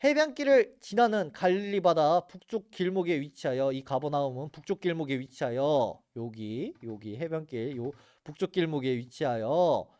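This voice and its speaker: A man's voice: fairly high pitch, darkish tone, no room sound, clean studio sound. A man teaching a church Bible geography class in an earnest, explanatory way. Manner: earnest, explanatory, points at maps and photos.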